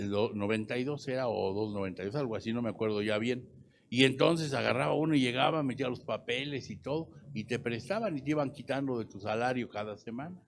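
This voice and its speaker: A man's voice: medium pitch, creaky. Conversational male pastor preaching. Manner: conversational preaching, voice rising and dropping sharply. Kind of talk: sermon.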